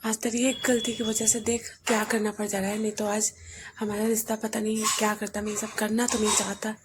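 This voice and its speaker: A woman's voice: mid-range voice, level tone, brisk, background noise, pitched below the performer's own voice, natural voice. A woman voicing a desperate, guilty young man who talks anxiously and mutters to himself, in an amateur drama. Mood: muttering. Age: young adult.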